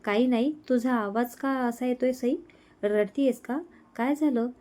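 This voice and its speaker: A woman voicing a tender, reassuring young man who speaks gently and unhurriedly to his fiancée. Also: a little high, a little slow, close to an everyday voice.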